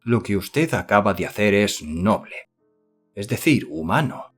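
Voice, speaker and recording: A man voicing an earnest, excitable young idealist who speaks eagerly and effusively in an audiobook. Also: fairly low pitch, a little slow, slightly rough, soft background music, heavily acted.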